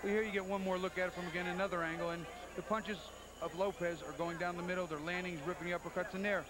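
A man's voice: sits high, steady tone, fast. A man analysing a fight as a commentator, conversational, plain-spoken and explanatory. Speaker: boxing analyst. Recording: noisy old TV sports broadcast. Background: loud arena ambience.

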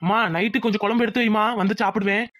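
A woman voicing a young village man in a cartoon, a hungry, doting son and caring husband who talks fast, pleading and teasing. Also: medium pitch, steady tone, no room sound, studio quality, natural voice. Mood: pleading, greedy. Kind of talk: Tamil cartoon voice acting.

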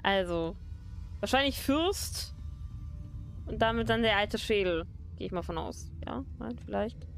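Woman game streamer, medium pitch, casual let's play talk and read-aloud, light music underneath. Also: expressive, a little slow, gravelly, pauses often. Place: indoors at a desk, webcam stream.

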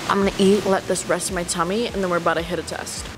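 A 19-year-old Canadian woman with a North American accent chats quickly to a handheld camera held at arm's length, her fairly low voice staying flat in pitch. She's a high school student doing a casual daily vlog, slangy, candid and self-deprecating, with music underneath and poor recording quality.

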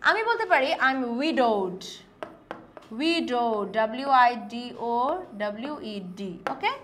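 A young woman with a Bangladeshi accent teaching spoken English online, mixing Bengali explanations with slow, carefully spoken English example sentences. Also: a little high, expressive, a bit bright, a little hiss or hum. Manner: mixes Bengali with English, reads English examples slowly and deliberately. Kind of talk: online lesson.

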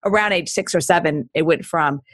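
A guest entrepreneur in her forties from Texas, with a neutral accent, tells her story in a casual interview and laughs often. Her voice is low and brisk, captured in a dry, clean studio recording.

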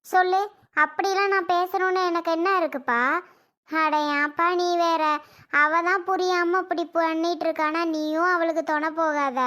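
Lady playing a nagging stubborn mom, super high bright voice, keeps arguing back. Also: steady tone, normal speed. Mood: defensive. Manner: scolding, argumentative. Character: scolding middle-aged mother, stubborn and defensive. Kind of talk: family drama skit.

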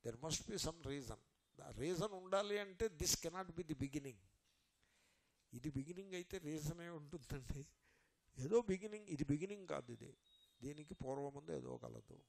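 Gravelly man teaching scripture. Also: fairly high pitch, lively intonation. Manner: explains step by step with rhetorical questions; recites Sanskrit verses slowly. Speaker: Vedanta teacher. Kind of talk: scripture lecture.

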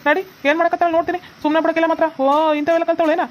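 A woman's voice: very high-pitched, little pitch movement, very fast, slight background noise. A woman voicing a bossy young husband and brother who scolds his wife, with a North Karnataka Kannada accent. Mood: scolding.

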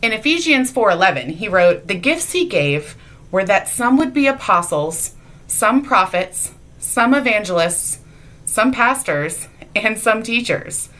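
A woman's voice: medium pitch, big pitch swings, measured pace, fairly bright tone. A woman giving a playful children's object lesson in church, teasing and asking her young audience questions. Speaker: children's sermon leader. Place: church sanctuary.

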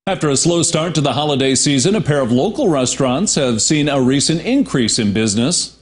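A male news anchor reading scripted local news in a steady, measured way. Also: a little high.

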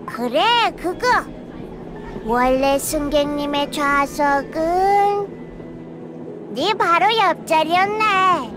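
A woman's voice: high-pitched, steady tone, drawn-out words, background noise. An actress voicing a playful, chatty female conductor of a space train in a game story. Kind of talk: scripted game story dialogue. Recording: music behind the voice.

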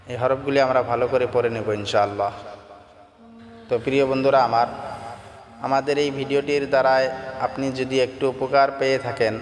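A man's voice: medium pitch, a little hiss or hum. A man teaching a lesson on reading Arabic letters, speaking patiently and repeating each sound and correction. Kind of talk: slow spoken lesson. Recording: echoey room with long reverb.

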